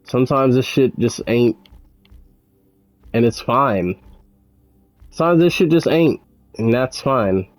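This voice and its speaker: A man's voice: mid-range voice, expressive, takes it slowly, pauses often, no echo, soft background music. A man giving casual, rambling commentary while gaming, sardonic and full of swearing. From United States. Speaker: gaming channel host.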